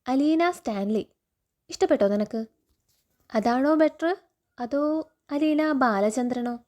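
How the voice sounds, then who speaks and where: A woman reading the lines of a stern father who scolds and teases his daughters, in a steady recounting tone. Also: fairly high pitch, a little slow, natural voice. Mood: teasing. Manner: stern, threatening.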